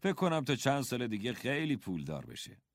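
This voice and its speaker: A gentle, encouraging schoolteacher father, as a male narrator puts him on in an audiobook. He speaks calmly and kindly, his fairly low voice moving with lively rises and falls. The sound is dry and close. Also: dry recording. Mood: warm encouraging.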